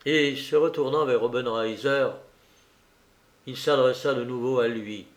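A man reads a novel aloud at a slow, measured pace, with dramatic pauses. His voice sits in the middle range. The room around him is echoey. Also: mid-range voice, fairly even intonation. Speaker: audiobook reader. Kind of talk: novel reading.

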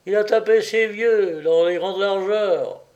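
A man's voice: high-pitched, slow, darkish tone, lo-fi sound, pitched above the performer's own voice. A man voicing a male sculptor who talks in a pushy, emphatic way. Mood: insistent. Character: insistent male sculptor, a card player.

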